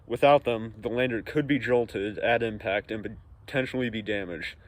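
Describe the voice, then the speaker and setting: Low-pitched man reading mock news. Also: moderate pace. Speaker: news anchor in a parody broadcast. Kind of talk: scripted news report with mock commentary.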